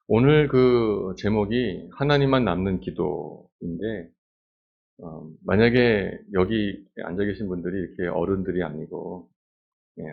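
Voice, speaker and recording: Animated, chatty pastor's sermon. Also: male voice, low-pitched, vocal fry, narrow, tinny audio. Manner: conversational, animated, many rhetorical questions.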